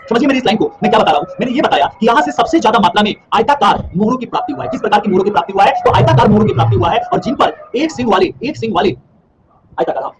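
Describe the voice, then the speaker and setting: A man's voice: extremely high pitch, slight background noise, low-quality recording. A man teaching a history class online. He asks questions and answers them himself, repeating key terms for revision. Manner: quizzes by asking and answering his own questions.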